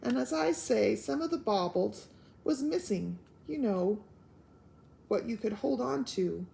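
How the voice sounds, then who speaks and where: A woman voicing Pod, a slow rustic little old man. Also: a little high, animated, gravelly, warm tone, a little hiss or hum, heavily acted, poor audio. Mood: explaining. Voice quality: rustic country grammar, slow, reassuring. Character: worried little old borrower man, gentle and homely.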